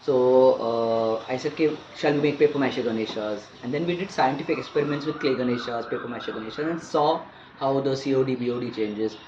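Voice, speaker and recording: A man's voice: mid-range voice, a little fast. In an echoey room with faint noise behind him, an Indian-accented man in his fifties talks at a conversational interview pace. His English is educated and articulate, dotted with small asides, and the sound is a little dull. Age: 50s. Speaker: interview guest, wildlife biologist and conservationist. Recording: roomy, muffled, faint background noise.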